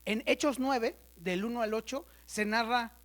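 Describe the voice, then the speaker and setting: Woman teaching a church Bible class. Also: fairly high pitch. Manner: conversational, checks in with the class often; playful asides, spells out terms slowly for note-takers.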